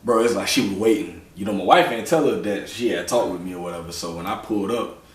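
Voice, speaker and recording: A man with a low-ish voice hosts a podcast, talking fast in a loose, reflective, conversational interview style full of "you know." The sound is roomy, picked up by a distant mic.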